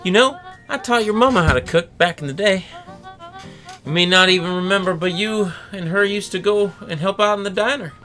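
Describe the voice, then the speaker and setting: A woman's voice: mid-range voice, brisk, a bit bright, faint music behind, voice pushed up, close to an everyday voice. A woman voicing a fussing, sentimental older diner owner in a game, doting and guilt-tripping in a grandmotherly way. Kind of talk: video game dialogue read aloud in character.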